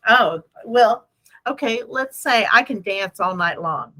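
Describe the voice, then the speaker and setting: Woman, casual talk host, bright forceful tone, unhurried pace, emphatic repetition, playful, self-deprecating. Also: fairly high pitch. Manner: animated, emphatic, repeats phrases for effect. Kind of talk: casual business motivation chat.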